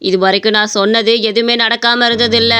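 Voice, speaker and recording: A woman voicing a solemn male astrologer who slowly pronounces doom in an animated story. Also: fairly high pitch, clear, resonant tone. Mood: ominous. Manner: slow, doom-laden pronouncements.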